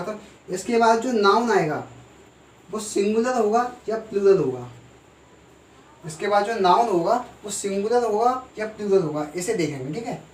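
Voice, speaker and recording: A man teaching a grammar lesson, who explains slowly and asks and answers his own questions. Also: sits high. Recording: echoey room, voice from far off, faint noise.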